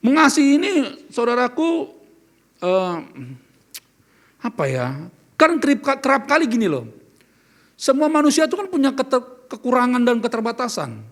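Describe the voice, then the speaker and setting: A man's voice: very high voice, big pitch swings, normal speed, long pauses, fairly bright tone. A man preaching a sermon as pastor, earnest and questioning, asking the congregation questions as he speaks. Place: church service.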